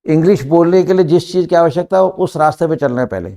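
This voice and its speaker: A middle-aged man teaching English to a live class, drilling students with brisk commands. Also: on the high side, dark tone.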